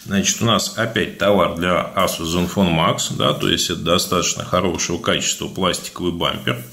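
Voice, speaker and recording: A man with a speech impediment on his r's, giving a casual, halting product review as a video blogger. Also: deep voice, fairly even intonation, vocal fry, sharp tone. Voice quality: burred, defective r sound. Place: indoors, at a table, hands-only shot.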